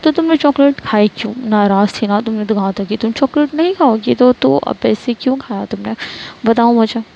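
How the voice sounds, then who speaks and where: A woman's voice: fairly high pitch, normal speed, gravelly, warm tone, lo-fi sound. A woman voicing a young mother who coaxes and teases her small daughter in a storybook reading. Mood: questioning. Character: young mother, gentle and teasing.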